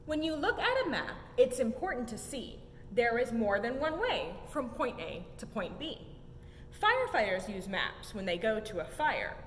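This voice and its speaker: A young woman reads a picture book to children at normal speed for a museum's story time, her high-leaning voice lively and sing-song. Her rhyming delivery rises and falls emphatically, heard in a reverberant indoor exhibit room with a low rumble.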